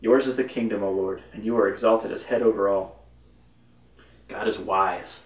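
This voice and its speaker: A man's voice: lowish voice, fairly even intonation, normal speed, far from the mic. A man teaching devotionally from the Bible, reading verses aloud and commenting with emphatic bursts. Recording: roomy echo, voice from off-mic.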